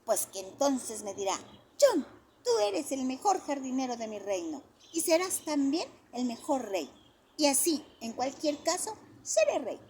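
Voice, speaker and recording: A woman's voice: high voice, very animated, a little slow, mellow, a little hiss or hum, voice pushed up, exaggerated voice. A woman voicing a stubborn, boastful four-year-old boy who insists he will be king, in a storybook reading. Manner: stubborn, triumphant. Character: boastful little boy dreaming of being king.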